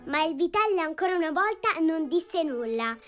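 A very high-pitched, lively little girl spins a fairy tale for young viewers. She is chatty and playful and turns to the listener with questions, in a cartoon storybook style. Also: normal speed, soft background music.

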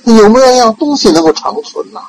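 A patient old male Zen master who explains and insists, raised above the teller's usual pitch, with an old man playing him. The voice keeps a gravelly texture throughout. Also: expressive, quick pace, slight background noise, rough recording. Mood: explaining.

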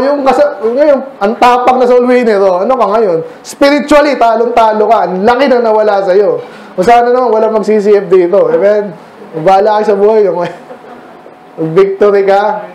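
A man's voice: sits high, normal speed, darkish tone, roomy sound, poor audio. A man with a Filipino accent preaching a sermon as pastor, talking with the congregation and asking them questions. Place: church.

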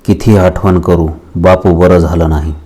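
A man's voice: low-pitched, steady tone, a little slow, warm tone. A man voicing a distraught, tearful young village woman in a storybook reading, speaking in a pleading, anguished way. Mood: sorrowful.

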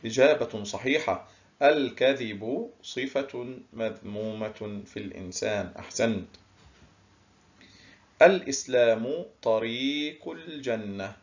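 A male primary school teacher giving a recorded lesson, stretching key words slowly and praising his pupils often. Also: lowish voice, highs cut off. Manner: slow, drawn-out word stress, praising pupils.

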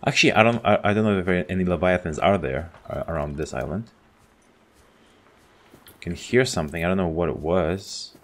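A man giving casual let's-play commentary, excitable and chatty as he thinks out loud while playing. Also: low voice, normal speed. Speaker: gaming channel host.

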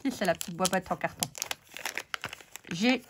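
French woman, voice going hoarse, casual crafting host talking to her viewers. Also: lowish voice, measured pace, background noise. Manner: chatty, many fillers, talks to viewers. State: losing her voice. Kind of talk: casual craft haul chat.

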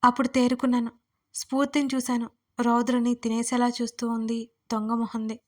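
A woman's voice: a little high, level tone, fairly quick, darkish tone. A woman narrating her own first-person audio story, chatty with comic asides to the listener. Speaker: writer and narrator.

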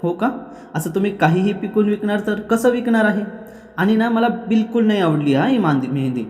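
A man's voice: sits high, lively intonation, a little fast, darkish tone, echoey room, in a large hall, pitched above the performer's own voice. A man voicing a sulky young wife who whines and complains. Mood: whiny. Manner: whining, complaining.

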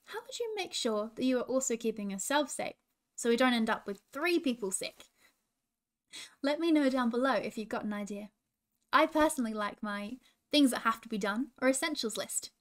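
High-voiced woman coaching kids as a princess. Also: expressive, normal speed. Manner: gentle, questioning, speaks directly to children. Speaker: children's ADHD coach in princess character. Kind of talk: storytelling and coaching for children.

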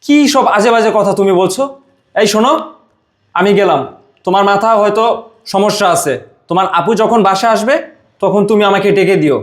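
Brief: actor as a scolding, indignant husband in a short film, high-pitched male voice. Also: brisk, long pauses, lightly acted.

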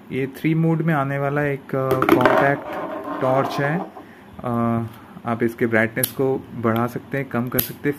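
This is a young man, filmed on a phone over a table indoors, chatting hesitantly through an unboxing. He pauses often and restarts his lines. A steady hiss of noise sits under his mid-pitched voice. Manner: hesitant, many fillers and restarts. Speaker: vlogger unboxing camping gear. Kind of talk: casual unboxing talk. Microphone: handheld phone camera pointed at the table. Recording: noisy phone recording with room hiss.

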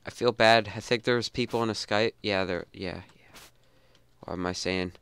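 A young man giving goofy, rambling commentary over a game he plays, mumbling low asides and then yelping, on a desk mic. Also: steady tone, normal speed, fairly bright tone, smooth. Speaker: gamer. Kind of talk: casual let's-play commentary.

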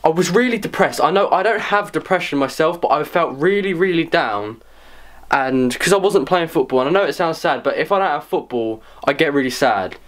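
Animated and a little fast, a young man talks to the camera in a casual vlog chat. His fairly bright, higher-leaning voice carries sweary, rambling, self-mocking talk, and at times he's out of breath.

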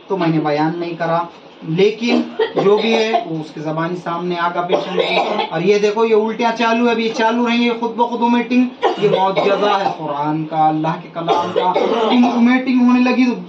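A man with a high voice preaches as a faith healer, hammering his warnings home through repetition. He sounds set back from the mic in a roomy space. The recording has a dull, muffled tone. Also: distant mic, a little hiss or hum. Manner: emphatic, repeats warnings. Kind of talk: preaching to an audience.

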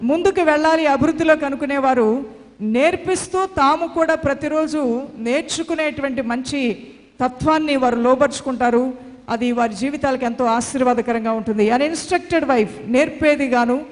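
A woman's voice: high-pitched, normal speed, long reverb tail. A woman preaching a sermon with fervent, repetitive exhortation.

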